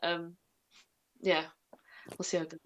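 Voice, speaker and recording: A woman's voice: on the low side, level tone, a little slow, crowd noise. A woman singer answering interview questions, giggly and a bit hesitant. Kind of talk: casual interview.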